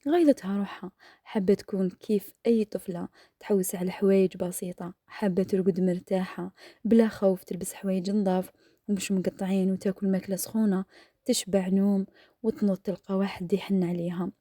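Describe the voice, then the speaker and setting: A woman with an Algerian accent telling a dramatic story in a hushed, half-whispered voice while cooking, close to the mic. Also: mid-range voice, steady tone, fairly quick, dry recording. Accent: Algerian Arabic.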